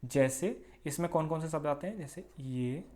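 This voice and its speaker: A man teaching an exam-prep grammar lesson, explaining slowly, repeating points and sounding out vowels aloud as examples. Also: fairly high pitch, darkish tone.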